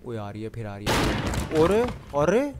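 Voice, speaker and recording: A man's voice: fairly low pitch, a little slow, noisy background. A man giving running commentary on a horror game, chatting to himself and the viewer and breaking into panicky bursts when the enemy shows up. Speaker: gamer.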